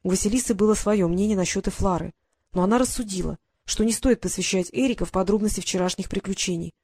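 A woman narrating a children's fantasy audiobook in an even, measured reading. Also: medium pitch, husky. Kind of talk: scripted fiction narration.

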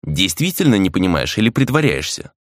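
Brief: curt young exorcist, read by a man, deep dry voice. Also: sing-song, fairly quick, dry recording.

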